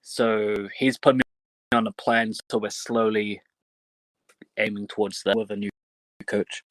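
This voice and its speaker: Male wrestler as interview guest: unhurried, broken phrasing, mid pitch, dry close sound, informal. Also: steady tone, no echo, rough recording. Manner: halting, fragmented phrasing, some casual swearing. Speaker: professional wrestler being interviewed. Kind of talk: casual interview answers.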